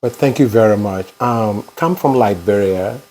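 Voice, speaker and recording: A man hosting his own interview channel, introducing his guest in a formal, deliberate way. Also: fairly low pitch, dark tone. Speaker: interview host, YouTuber.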